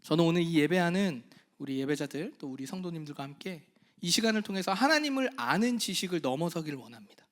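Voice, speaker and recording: High-voiced man preaching with soft and loud swings. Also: lively intonation. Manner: asks the congregation questions, then answers them himself; shifts between soft half-whispered phrases and loud, slow emphasis. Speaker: pastor. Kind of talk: sermon. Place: church hall.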